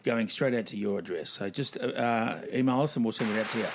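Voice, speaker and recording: A man's voice: mid-range voice, quick pace, vocal fry, background noise. A man from Tasmania with an Australian accent, co-hosting a podcast in casual comic banter, boisterous, sweary and fond of repeating himself. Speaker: podcast co-host.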